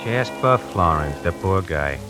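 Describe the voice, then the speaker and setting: In a 1940s radio drama, a man with a deep, animated voice speaks a little slowly as the lead and narrator, playing a brash, fast-talking salesman who tells his own story. His delivery is wisecracking and conversational, with a music score behind him.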